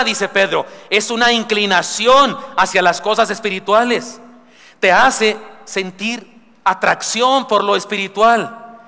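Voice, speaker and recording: A man's voice: sits high, vocal fry, sharp tone. A man, a pastor preaching a conversational sermon with asides and humor, recorded live in a church. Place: church sanctuary. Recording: live church recording with long hall reverb.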